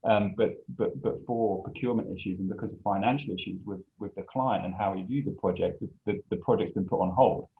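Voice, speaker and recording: A man, a design studio principal, speaking haltingly with many restarts in a panel discussion. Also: fairly low pitch. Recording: tinny phone-like line.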